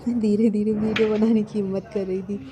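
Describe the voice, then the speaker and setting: A woman's voice: medium pitch, little pitch movement, fairly quick, a loud crowd. A young woman narrating her family's festival day in a chatty, affectionate way, laughing now and then. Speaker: vlogger. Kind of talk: casual festival vlog narration.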